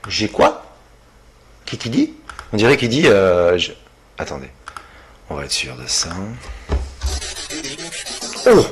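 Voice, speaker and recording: A man's voice: low voice, wildly swooping pitch, slow, long pauses, slight background noise. A man, a paranormal investigator, thinking aloud in amazed exclamations as he reviews his own recordings. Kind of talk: excited commentary while analysing recordings.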